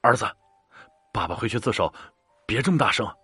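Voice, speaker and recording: A man's voice: lowish voice, expressive, brisk, fairly bright tone, breathy edge, dry recording, soft background music. A man playing a grieving father who speaks in a choked, tearful, pleading way.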